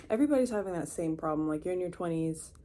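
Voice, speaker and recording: A woman's voice: lowish voice, dark tone. A 23-year-old woman rambling casually to camera in her room, chatty, with lots of fillers and restarts. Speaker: vlogger. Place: her own room indoors.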